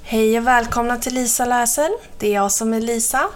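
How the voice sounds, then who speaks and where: A woman reading a children's picture book aloud, calm and clear, as host of her own reading show. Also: a little high. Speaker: storyteller.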